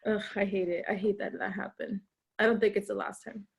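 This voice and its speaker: A woman chatting casually in an online book club, telling stories with animated laughter. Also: mid-range voice, brisk, vocal fry, breathy edge. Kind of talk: casual chat.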